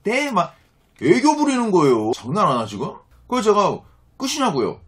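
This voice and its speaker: Male, 30s, vlogger: heated storytelling rant, higher pitch, husky edge. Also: moderate pace. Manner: animated, acts out both sides of the exchange. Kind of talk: angry storytelling rant to viewers.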